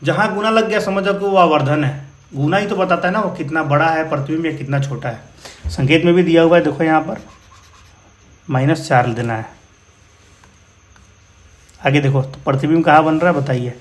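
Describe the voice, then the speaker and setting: A man's voice: fairly high pitch, normal speed, pauses often. A man with a Bihari accent teaching physics numericals in a casual, encouraging way, often calling his students brother. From India. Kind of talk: explaining exam problems.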